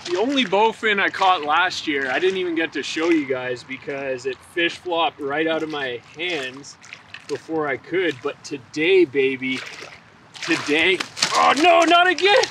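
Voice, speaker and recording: A man's voice: fairly high pitch, measured pace, a little hiss or hum. A man talking casually and animatedly to the camera outdoors on a lakeshore, poking fun at himself. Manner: animated, self-mocking. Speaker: fishing vlogger.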